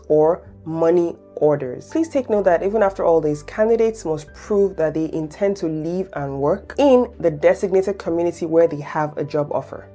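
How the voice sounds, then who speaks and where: A Nigerian woman who teaches French and hosts a channel gives an explainer lesson to camera, working step by step and encouragingly checking in with her viewers by asking "okay?". Her voice is lowish and mellow.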